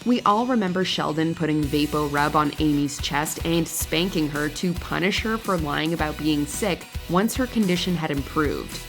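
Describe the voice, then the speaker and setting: A woman's voice: deep voice, moderate pace, hardly any pauses. A woman reading scripted narration for a countdown list. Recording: music behind the voice. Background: background music.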